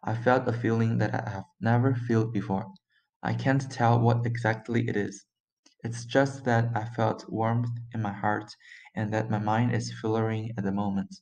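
A man's voice: lowish voice, level tone, normal speed, a little mellow. A teenage boy reading his own historical story aloud for young children, in a plain voice with occasional stumbles. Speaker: student reader.

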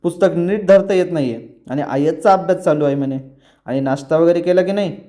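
A man voicing a teasing young architect who gently scolds, while retelling a TV serial scene. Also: a little high, a little fast, natural voice.

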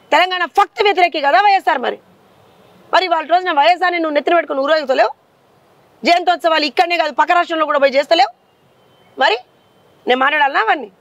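With no echo on the recording, a very high-pitched, slightly bright female voice comes through. She is a party leader with a Telangana Telugu accent, firing off fiery, rapid rhetorical questions in a combative interview.

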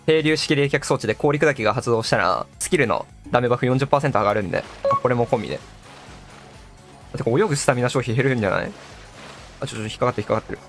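A man doing excitable live gameplay commentary as a streamer. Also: mid-range voice, very fast. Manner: excitable, exclaiming, echoes game lines. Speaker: gaming streamer. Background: game music and sound effects.

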